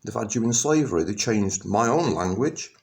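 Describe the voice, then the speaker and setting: A middle-aged English vlogger rambles through a personal monologue to camera, his lowish, creaky voice full of lively intonation. He halts with many ums and restarts, then bursts out emphatically.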